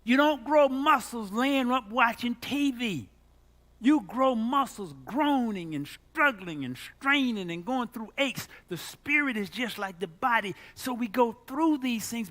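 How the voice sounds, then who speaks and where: A male pastor delivers a sermon with a bright, forward voice. His pitch leaps all over the place, from low, murmured asides to high, loud outbursts. He preaches as a storyteller, with a lot of drama. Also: animated, unhurried.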